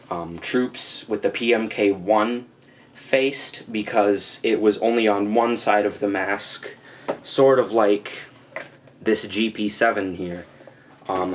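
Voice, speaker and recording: A young adult man giving a casual hands-on review in a hesitant, explanatory way. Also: on the low side. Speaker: gas mask reviewer. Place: small living room indoors. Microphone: camera mic at close range. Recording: noisy home camera recording.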